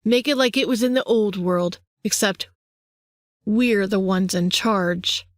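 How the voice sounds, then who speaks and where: A woman's voice: mid-range voice, takes it slowly, no echo, studio quality, lightly acted. A woman voicing a power-hungry vampire man who taunts his younger brother in a sing-song way. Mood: menacing.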